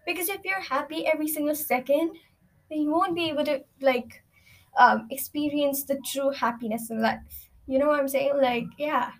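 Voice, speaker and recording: A woman's voice: high voice, moderate pace. A teenage girl talking casually into a recording, rambling and reflective with lots of fillers. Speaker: student.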